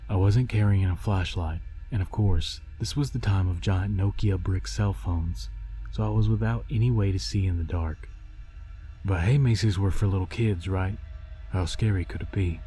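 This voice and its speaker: A man narrating a scripted scary story in a haunting, deliberate storytelling voice. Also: low-pitched, mellow. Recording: music behind the voice. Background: music.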